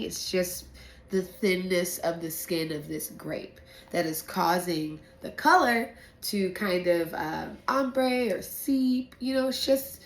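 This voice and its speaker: A woman's voice: medium pitch, fairly bright tone. A woman talking casually as a sommelier explaining a tasting, with a playful, slangy, sweary manner. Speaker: sommelier presenting a blind wine tasting. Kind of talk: casual explanatory chat to camera. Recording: roomy echo, faint background noise.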